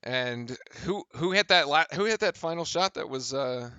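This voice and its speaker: A man doing excited live play-by-play for a fan stream, chatting with viewers and shouting on big plays. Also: a little high, moderate pace, smooth, no room sound, muffled recording.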